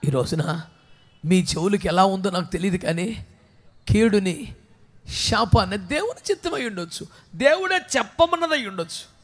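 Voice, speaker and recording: High-voiced impassioned preacher man. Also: animated, normal speed, long pauses. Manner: impassioned preaching, swinging from hushed to shouting; asks the congregation many rhetorical questions. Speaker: pastor. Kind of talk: sermon.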